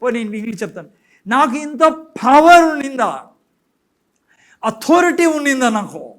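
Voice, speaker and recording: A man's voice: very high voice, animated, fast talker, fairly bright tone. A pastor voicing a regretful believer who laments, in anguish and self-reproach, the power he never used.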